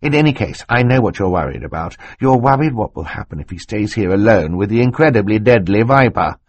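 Guy putting on a fussy excited old snake scientist, voice bouncing up high, a bit husky. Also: no echo, muffled recording. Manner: excited and fussy, talking fast over others. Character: excitable eccentric older male snake scientist. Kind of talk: audiobook character voice.

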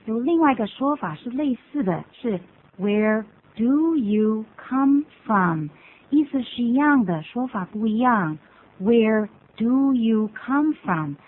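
A woman co-hosting a bilingual radio English lesson, saying English phrases slowly and clearly and adding quick explanations. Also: a little high, animated. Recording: narrow lo-fi radio broadcast sound.

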